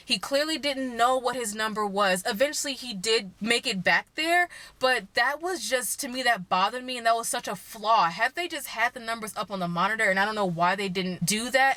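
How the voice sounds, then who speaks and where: A young woman from Texas, vlogging in a chatty, opinionated way, her pace running fast then slow. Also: on the high side, sharp tone, dry recording. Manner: chatty, opinionated, speeds up and slows down. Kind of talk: casual vlog chat.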